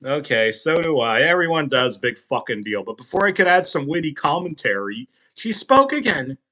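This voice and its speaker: A man narrates a parody creepypasta and breaks off into crude, sarcastic asides. His voice is bright and forward. His pitch swings widely as he moves between mock suspense and jokes. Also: big pitch swings, normal speed.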